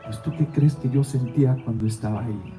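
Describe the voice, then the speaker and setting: A man's voice: medium pitch, fairly quick, dark tone, roomy sound, recorded from a distance, soft background music, voice pushed down, lightly acted. A man voicing a stern, commanding male emperor who barks orders, while telling a story in a sermon. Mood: cold quiet.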